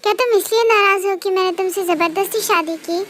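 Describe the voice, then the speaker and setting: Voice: very high-pitched, fairly quick, fairly bright tone, a little hiss or hum. A woman reading the part of a possessive young husband in a fan story. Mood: pleading. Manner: pleading, then cold and contemptuous. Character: possessive young husband, pleading then scornful.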